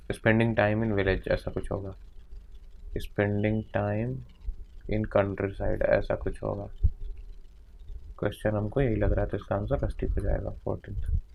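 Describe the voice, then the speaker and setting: Slow, gravelly man reading word lists. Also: fairly low pitch, a little mellow. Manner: mutters word lists slowly, half to himself, in Hindi and English. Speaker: English vocabulary teacher. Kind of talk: working through a vocabulary exercise aloud.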